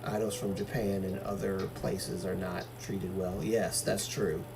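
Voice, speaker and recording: An Algerian man hosts a livestream, reading viewer comments and casually offering his opinions, full of fillers and restarts. His voice sits low and gravelly, delivered flatly and a little slowly, with noise in the background.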